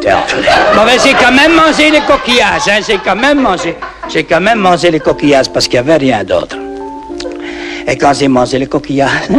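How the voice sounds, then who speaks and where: Male comedian as a Flemish peasant storyteller, high-pitched voice, rambling French full of "hein" and Dutch oaths, old vinyl with music. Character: boastful Flemish peasant man telling tall tales. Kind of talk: comic monologue in broken French. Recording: old 1960s record with music.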